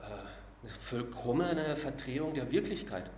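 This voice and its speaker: Prediger in hallendem Saal. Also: male voice, medium pitch, lively intonation, reverberant, slight background noise. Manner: earnest, slows and drops to a hush on key words; uses filler sounds between phrases. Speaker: preacher. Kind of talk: sermon.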